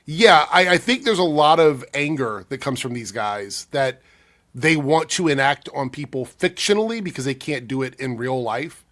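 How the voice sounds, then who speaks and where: Breathy man with a cold, chatting casually. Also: mid-range voice, animated, normal speed, a bit bright. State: under the weather with a cold. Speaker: YouTube commentator. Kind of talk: casual talk answering viewer comments.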